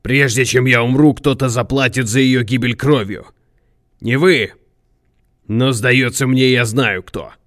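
A man voicing a hot-tempered army captain who talks loudly and aggressively. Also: mid-range voice, moderate pace, few pauses, clean tone, no echo, clean studio sound. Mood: grim vow. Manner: loud, aggressive, accusing.

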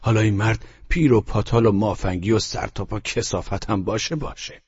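A fraught, bitter husband ranting in climbing outbursts, his voice pushed high and strained, as a male audiobook reader puts him on. The tone is husky and breathy, captured in a dull, dry lo-fi recording. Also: darkish tone. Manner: bitter, exasperated, rising outbursts. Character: agitated middle-aged man ranting about his wife.

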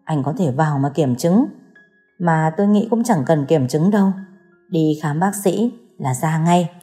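A woman's voice: sits low, animated, a little slow, dark tone, soft background music. A woman voicing a scheming young woman who mocks and taunts her husband. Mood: cold. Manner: mocking, cutting.

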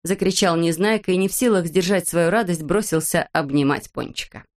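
A woman narrating a children's storybook in an even storytelling manner. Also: lowish voice, brisk. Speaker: audiobook narrator.

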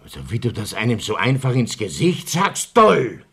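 An actor playing a pompous, domineering middle-aged socialist politician in a radio play, husky and speechifying. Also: male voice, medium pitch, big pitch swings, a little fast, a bit bright. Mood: indignant. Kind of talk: theatrical radio play acting.

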